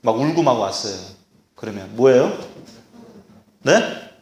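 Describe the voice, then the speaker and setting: A man preaching a sermon to a congregation, animated, acting out scolding parents in a raised voice. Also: medium pitch, a little slow. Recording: echoey hall.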